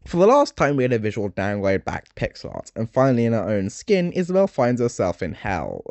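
A young man in his late teens narrating a game summary video essay, chatty and full of joking asides with dark humor. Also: mid-range voice, wildly swooping pitch, brisk, gravelly, dry recording.

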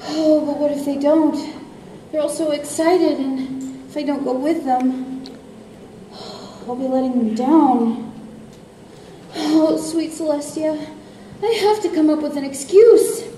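A woman's voice: sits high, fairly even intonation, measured pace, long pauses, warm tone, distant mic. A woman playing a nervous, apologetic cartoon pony in a live amateur stage skit, hesitant and sheepish. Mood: anxious. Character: nervous, apologetic female cartoon pony afraid of going underwater. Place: on stage in a convention ballroom. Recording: echoey ballroom stage from afar, faint noise.

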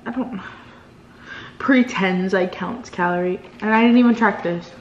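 A woman's voice: mid-range voice, measured pace, highs cut off. A woman chatting casually to her camera in a vlog, giggling and laughing often as she talks. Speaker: vlogger. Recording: echoey room with loud noise.

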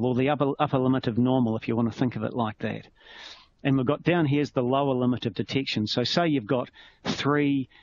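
Kiwi man teaching a medical webinar. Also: medium pitch. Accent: New Zealand. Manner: conversational, explaining with everyday analogies. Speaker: clinician presenting a webinar. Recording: slightly muffled with faint noise.

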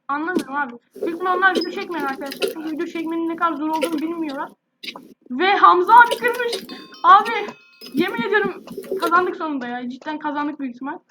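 A woman's voice: very high-pitched, background noise. A woman with a sore, irritated throat, chatting casually to viewers as a gaming youtuber. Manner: chatty, addresses viewers directly. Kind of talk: casual gameplay commentary.

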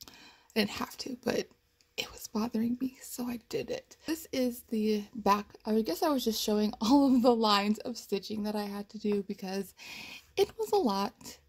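A young woman who vlogs about cosplay chats casually at her home computer while going through her progress photos, rambling and laughing as her voice cracks a little. She speaks at normal speed in a mid-range voice with lively intonation and a darkish tone.

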